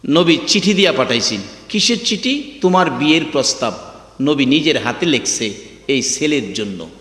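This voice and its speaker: A man voicing a gentle middle-aged father who speaks softly and consolingly. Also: expressive, moderate pace. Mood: tender. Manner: soft, low, consoling. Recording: echoey hall with long reverb.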